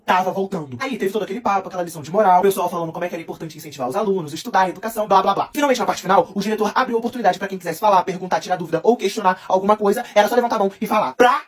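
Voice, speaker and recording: A young man telling comic gossip stories on a cooking channel, animated, playful and mock-dramatic. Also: high-pitched, racing, few pauses.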